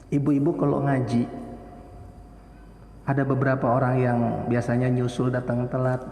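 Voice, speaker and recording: A man preaching a sermon, acting out little dialogues and climbing high in pitch when he stresses a point. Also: normal speed. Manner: animated, acts out little dialogues, rises high for emphasis. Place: mosque hall. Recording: echoey mosque hall with long reverb.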